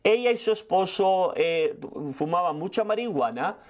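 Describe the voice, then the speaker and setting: A man in his sixties telling a story in a sermon as a preacher, quick and full of restarts. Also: high voice, expressive. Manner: fast storytelling with frequent restarts. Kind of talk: sermon testimony.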